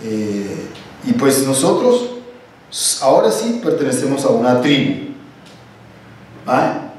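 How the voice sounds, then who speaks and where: A man leading a church Bible study discussion. He explains things in an animated way, correcting himself as he goes. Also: mid-range voice, slow pace. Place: church meeting room. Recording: echoey room, distant mic.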